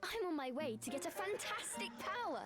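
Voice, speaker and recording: A woman voicing a timid but determined young witch girl in a game, speaking softly and earnestly. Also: very high-pitched, big pitch swings, fairly quick. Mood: reassuring. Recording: game audio with music behind. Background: music.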